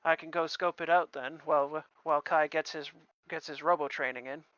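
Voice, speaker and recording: A man playing in a tabletop game, with dry, wry remarks and a lively way of speaking. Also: a little high, a little fast, no echo, highs cut off. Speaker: player. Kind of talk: tabletop role-play chat.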